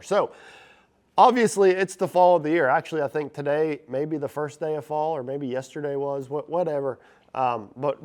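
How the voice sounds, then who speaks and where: A man with a slightly high, raspy voice hosts a casual fishing how-to vlog, sounding a bit stuffed up and congested. He talks straight to his viewers in a chatty, upbeat way. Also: darkish tone. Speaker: fishing channel host.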